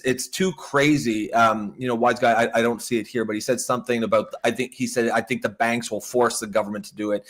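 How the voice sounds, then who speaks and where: A man's voice: mid-range voice, fairly bright tone. A man co-hosting a political talk show, chatting casually and bluntly, swearing and reading out viewer comments. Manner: blunt, profane, reads out chat comments. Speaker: podcast co-host.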